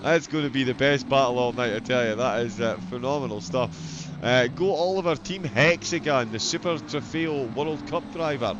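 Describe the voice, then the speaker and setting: A man's voice: medium pitch, moderate pace, dull audio. Broad Scottish man commentating over car noise. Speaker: sim racing livestream commentator. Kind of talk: live motorsport commentary.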